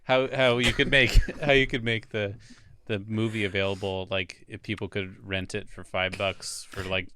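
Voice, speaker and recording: A man hosting a podcast in casual chat, easygoing, with short quick replies. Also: on the low side, level tone, pushed and bright, a little hiss or hum. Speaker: podcast host. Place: podcast studio.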